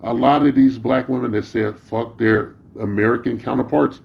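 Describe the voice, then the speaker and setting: Steady in tone at medium pitch, with vocal fry and a moderate pace, this middle-aged or older man holds forth as a social media commentator. His rambling, informal rant is blunt and slangy, full of profanity and a scornful, combative edge, captured in dull, muffled lo-fi sound.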